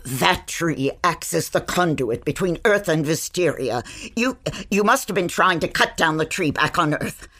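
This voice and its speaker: Voicing a grandmotherly witch from a magical realm in fantasy audio fiction, this actress uses a low-pitched, exaggerated, expressive voice with a fairly bright tone, speaking a little slowly. The eccentric character mutters theatrically and sounds exasperated while gravely explaining.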